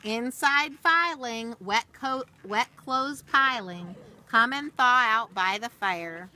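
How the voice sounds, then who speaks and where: A middle-aged woman storyteller reads aloud to children outdoors in a snowy backyard, working through a rhyming picture book with casual asides. Her voice is a little high, pushed and bright, and she goes slowly. A camera or phone a short distance off picks it up, with faint noise behind her.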